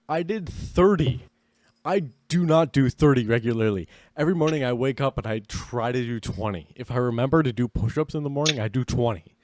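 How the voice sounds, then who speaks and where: A man's voice: medium pitch, darkish tone, no echo, clean studio sound. A young man co-hosting a podcast in casual chat, tipsy, a bit out of breath, rambling and laughing. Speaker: podcast co-host.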